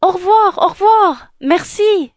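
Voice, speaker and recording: A woman voicing a sweet, polite young girl in a storybook reading, with a high, eager voice. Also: expressive, takes it slowly, darkish tone, dry recording, studio quality, exaggerated voice. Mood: hurried.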